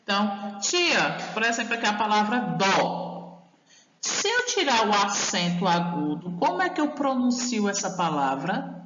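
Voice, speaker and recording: A Brazilian woman teaching a video lesson to young children, sounding out words slowly and deliberately in an affectionate manner. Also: mid-range voice, sing-song, fairly bright tone, soft background music. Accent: Brazilian Portuguese. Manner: affectionate toward young pupils. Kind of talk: recorded primary-school video lesson. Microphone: voice-over off camera. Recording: echoey, dull room sound.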